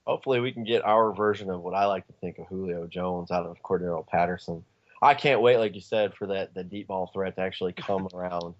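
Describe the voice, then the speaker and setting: A man co-hosting a sports podcast, excitable and emphatic about his picks. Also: deep voice, brisk. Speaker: podcast co-host. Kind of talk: casual sports chat. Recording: dull lo-fi podcast audio.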